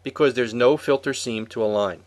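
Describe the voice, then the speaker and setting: A man's voice: medium pitch, normal speed. A man co-hosting a podcast, reading a prepared script in an explanatory way. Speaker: podcast co-host.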